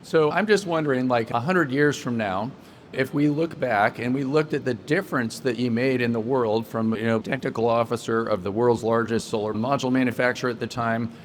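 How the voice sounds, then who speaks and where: A man's voice: mid-range voice, a little hiss or hum. A man hosting a podcast interview at a solar conference, upbeat and joking, with promotional plugs. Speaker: podcast host. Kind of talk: casual interview.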